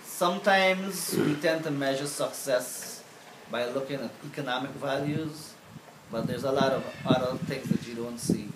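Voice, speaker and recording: Middle-aged man from Guyana, aid worker, measured talk, fillers, nearby camera on an outdoor veranda, roomy echo, faint hiss. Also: medium pitch. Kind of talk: casual interview. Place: covered veranda outdoors, overlooking a field. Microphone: camera at close range.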